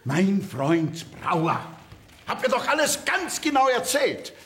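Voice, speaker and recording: An actor playing a fussy, excitable chatterbox who talks in a flustered, stammering, gossipy way. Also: male voice, high voice, slow pace, slight background noise, exaggerated voice. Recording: echoey theater stage.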